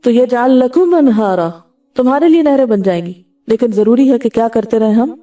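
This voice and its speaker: A woman's voice: a little high, animated, brisk, dark tone, far from the mic. A woman Islamic scholar, giving a sermon. She recites Arabic verses and explains them, often asking the audience questions and answering them herself.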